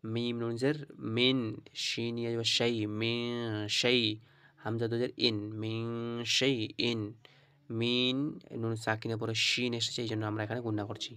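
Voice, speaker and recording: Male Quran teacher, patient step-by-step spelling drills, very smooth tone. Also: medium pitch, level tone, pushed and bright, no echo. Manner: spells out syllables, drawn-out recited words, often asks "right?". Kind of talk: slow spelled-out recitation lesson.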